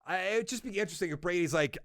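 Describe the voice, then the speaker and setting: Rapid-fire and high-pitched, with a fairly bright tone, a young podcast host with a Boston accent rambles through a casual sports show, thinking aloud and correcting himself as he goes. The recording is studio quality with no echo.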